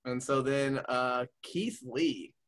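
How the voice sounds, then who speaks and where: A man's voice: mid-range voice, lively intonation, slow, vocal fry, fairly bright tone. A man chatting casually, laughing often and stalling with fillers. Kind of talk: casual banter.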